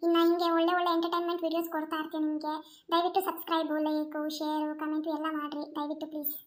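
A woman's voice: high-pitched, completely flat delivery, rapid-fire. A woman with a Kolar Kannada accent doing a comic village skit, talking in a firm, reassuring and bossy way. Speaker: comedy channel creator.

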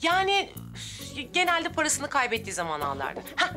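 A woman's voice: high voice, huge pitch swings, normal speed, over music, heavily acted. An actress playing a chatty, teasing woman in a TV comedy drama. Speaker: Nurcan, the sister-in-law.

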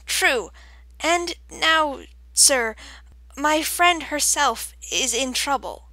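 A woman narrator acts a young male crow in a storybook. He is high-voiced, eager and courteous, addressing his betters with earnest deference. The tone is bright and dry. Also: expressive, drawn-out words, dry recording, heavily acted, rough recording. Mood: earnest, pleading. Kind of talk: audiobook character voice.

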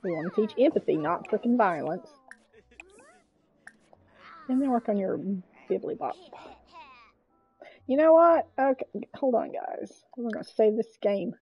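Chatty woman streamer, breathy and lively. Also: a little high, unhurried, long pauses, muffled recording, soft background music. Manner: chatty, coaxing, talks to game characters with mild swearing. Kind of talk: casual gameplay commentary.

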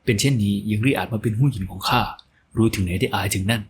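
A man's voice: fairly low pitch, very fast, slight background noise, natural voice. A man voicing a cold, domineering young master of an old Chinese household who gives harsh, scornful orders. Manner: harsh, contemptuous commands.

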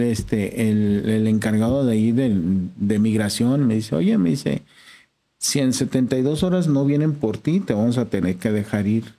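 Mellow-voiced Mexican man telling stories. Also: mid-range voice. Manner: slangy, acts out quoted dialogue. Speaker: guest. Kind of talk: casual storytelling.

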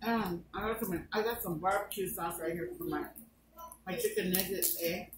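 A woman's voice: mid-range voice, lively intonation, moderate pace. A middle-aged woman hosting a casual family chat at home, teasing playfully and tagging her lines with a joking "eh?" and "fool". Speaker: channel host. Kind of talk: casual family chat, mock tough-girl slang. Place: home, indoors. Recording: echoey room, far from mic, faint hiss.

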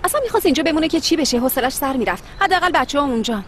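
A teasing high-voiced girl. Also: lively intonation, a little hiss or hum.

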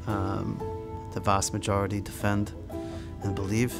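An older man from Australia, a rabbi, speaking in an interview indoors, halting with fillers and restarts. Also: fairly low pitch, flat delivery, creaky. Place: indoor room. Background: music.

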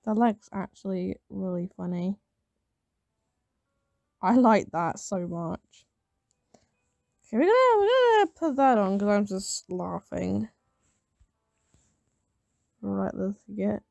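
A woman who has just woken up, with a slightly raspy morning voice, giving casual commentary while playing a game. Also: mid-range voice, a little slow, long pauses, mellow, no room sound, dull audio. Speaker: gamer narrating gameplay.

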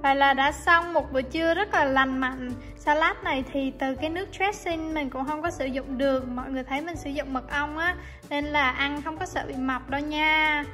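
A young woman with a high, bright voice, chatting warmly as she explains each cooking step. She talks in a friendly, easygoing way from her home kitchen. Soft music plays faintly under her voice. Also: fairly even intonation, normal speed. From Vietnam. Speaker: cooking vlogger. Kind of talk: casual cooking voice-over. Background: soft background music.

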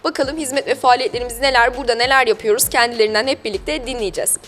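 Speaking rapid-fire in a fairly high, slightly bright voice with fairly even intonation, a woman interviews business owners on a local TV show. Her presenting is polite, talkative, and wordy, with music in the background.

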